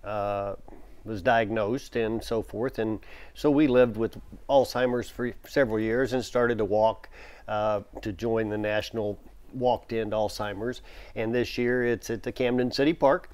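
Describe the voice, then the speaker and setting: Guest guy on a local show, smooth resonant voice, lots of uhs. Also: lowish voice, steady tone, darkish tone. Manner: halting, many uhs. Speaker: guest, event organizer. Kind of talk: interview answers.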